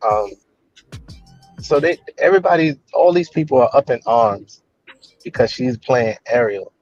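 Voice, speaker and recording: A man's voice: medium pitch, animated, unhurried, a little mellow, faint music behind. A man co-hosting a casual talk show, chatting conversationally and restarting his sentences often. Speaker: podcast co-host. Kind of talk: casual chat. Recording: dull, slightly lo-fi sound.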